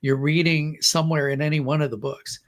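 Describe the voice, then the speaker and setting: A middle-aged or older writer, appearing as a podcast guest, talks reflectively about books like a storyteller, illustrating his points with acted-out quotes. His slightly high voice is brisk, with little pitch movement.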